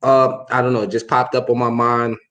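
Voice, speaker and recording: A man's voice: medium pitch, flat delivery, fairly quick, a bit bright. A man hosting a podcast, asking questions in a hesitant, casual way with many fillers. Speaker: podcast host. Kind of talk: casual interview.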